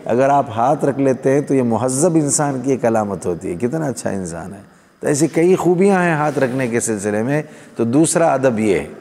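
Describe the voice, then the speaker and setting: Speaking in a mid-range, somewhat dark voice, this Islamic preacher addresses a live gathering head-on, sprinkling his sermon with rhetorical questions. Long reverb from the gathering hall fills the recording.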